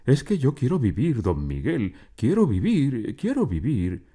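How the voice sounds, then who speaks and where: A man's voice: fairly low pitch, very animated, normal speed, mellow, pitched above the performer's own voice. A man voicing a young male fictional character who argues with and then pleads with his author, in a raised, strained voice. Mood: pleading. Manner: pleading, defiant, ironic. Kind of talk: audiobook reading.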